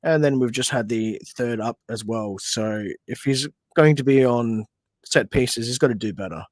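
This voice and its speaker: A man's voice: mid-range voice, normal speed, no room sound. An Australian man hosting a casual livestream football watch-along, chatting, reading viewer questions and venting at players. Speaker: podcast host. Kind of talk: casual livestream match commentary.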